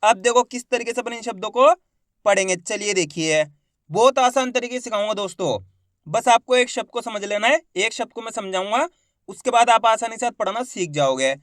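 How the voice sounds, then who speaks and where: Upbeat male teacher with a high pitch and a crisp, smooth tone. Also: brisk, fairly bright tone, dry recording, clean studio sound. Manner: enthusiastic, repetitive, asks the viewer questions. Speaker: Hindi reading teacher. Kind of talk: online classroom lesson.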